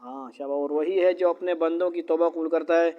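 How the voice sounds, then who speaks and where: A male Quran teacher reciting verses quickly and explaining their grammar slowly to a class of students, often asking them questions. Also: on the high side, fairly even intonation. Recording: dull lo-fi classroom recording.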